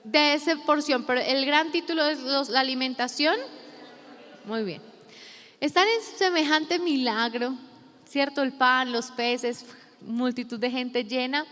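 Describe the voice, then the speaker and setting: A woman preaches in a high, bright register, slipping into playful voices for the people in the Bible story. The sound has the long reverb of a church hall. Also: a little slow. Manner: playful, acts out Bible scenes in quoted voices. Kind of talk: sermon.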